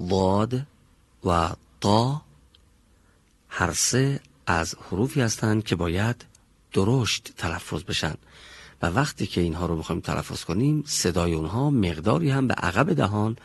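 A male teacher in a classroom giving a pronunciation lesson, patient and deliberate, slowly demonstrating each sound for his pupils. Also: lowish voice, lively intonation, breathy edge, no room sound.

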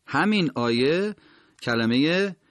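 A man teaching recitation. He explains pronunciation rules, then slowly and carefully sounds out each word as an example. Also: on the high side, lively intonation, a bit bright, dry recording, studio quality.

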